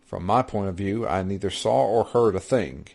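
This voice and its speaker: A man's voice: fairly low pitch, normal speed, creaky, a little mellow. A man co-hosting a gaming podcast in casual chat, rambling and correcting himself as he reads an email and gives his take. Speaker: podcast co-host.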